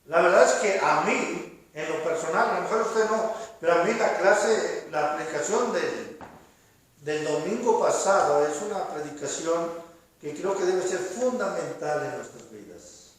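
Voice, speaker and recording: A man's voice: a little high, expressive, unhurried. A male pastor, preaching a Sunday sermon in a conversational, humorous way and acting out the voices of the people he quotes. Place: church sanctuary. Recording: roomy echo, speaker far from the mic.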